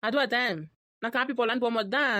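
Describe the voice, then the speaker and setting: Cheeky quick-talking woman. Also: fairly high pitch, fairly even intonation, fairly bright tone, dry recording, clean studio sound. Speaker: daughter-in-law in a family skit. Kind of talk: comic family skit acting.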